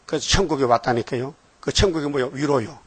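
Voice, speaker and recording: A man's voice: medium pitch, quick pace, breathy edge, no echo. An older man giving an informal, rambling sermon, often checking on listeners with short questions. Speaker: preacher.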